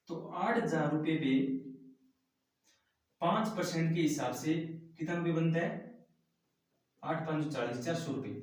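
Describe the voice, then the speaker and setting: A male math teacher works through a problem step by step, often turning to the class as friends. His voice sits a little high for a man. It rings through a very echoey room and sounds set back from the microphone. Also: a little mellow. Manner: explains step by step, often addresses listeners as friends. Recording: very echoey room, mic at a distance.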